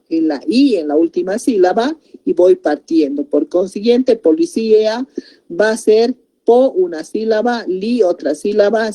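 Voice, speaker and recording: A woman's voice: lowish voice, dark tone. A woman teaching a grammar lesson, explaining step by step and breaking words into syllables.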